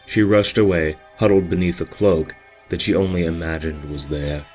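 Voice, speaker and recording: A man with a deep, low voice reads a story in a steady, measured way. Soft music plays quietly under his narration.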